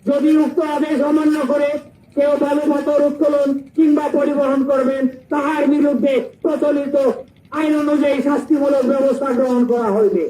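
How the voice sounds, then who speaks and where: A man calling out a formal public announcement for the local administration through a loudspeaker, loud and stiffly worded. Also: extremely high pitch, level tone, moderate pace. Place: outdoors. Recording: distant echoing loudspeaker outdoors, faint noise.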